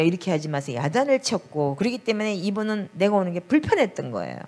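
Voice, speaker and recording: Animated woman pastor giving testimony. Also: medium pitch. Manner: emotional storytelling, voice rises when praying aloud. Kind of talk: sermon with personal testimony. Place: basement prayer room of a small church.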